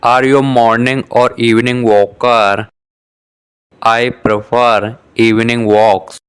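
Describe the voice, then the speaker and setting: The speaker is a man of medium pitch whose clean voice barely moves in pitch. Reading scripted beginner dialogues meant for shadowing in an English lesson, he gives each short exchange twice, measured and carefully articulated.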